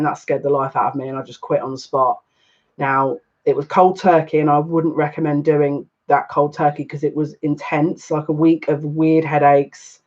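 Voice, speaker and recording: A man in his thirties, a psychic reader chatting casually on a live stream, excitable and rambling. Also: on the high side. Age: 30s. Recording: dull lo-fi stream audio.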